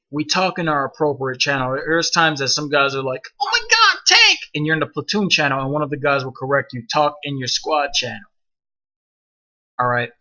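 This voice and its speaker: A man's voice: fairly high pitch, pushed and bright, highs cut off. A man leading an online gaming group, training new members over voice chat with blunt, profane, commanding instructions.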